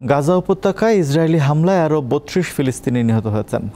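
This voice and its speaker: A man reading a scripted news bulletin as presenter, in a brisk, formal delivery. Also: fairly high pitch, animated, warm tone, a faint crowd.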